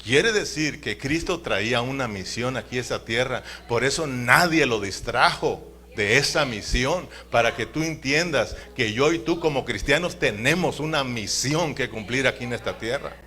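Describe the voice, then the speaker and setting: A man's voice: medium pitch, expressive, normal speed, sharp tone. A man preaching a sermon in a church, emphatic, calling his listeners brothers and asking them to repeat after him.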